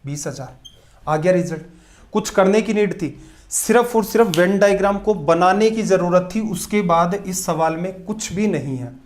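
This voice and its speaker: High voiced guy teaching exam math, asks stuff and answers it himself. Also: moderate pace. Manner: asks questions and answers them himself, emphatic repetition. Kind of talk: exam-prep math lesson.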